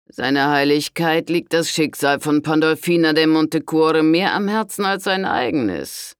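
A man voicing a pompous count who speaks slowly and formally in an audiobook. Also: a little high, clear, resonant tone, no echo, studio quality, voice pushed up. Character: pompous male count in red armor.

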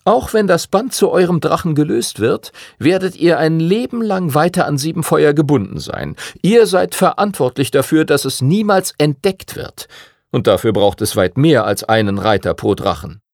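A patient older master teacher of dragon riders from an audiobook, voiced by a man. He lectures in a calm, measured way, his voice lifted above the narration, lively and slightly gravelly, in a dry recording. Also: a little high, no echo, pitched above the performer's own voice, heavily acted. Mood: calm lecturing.

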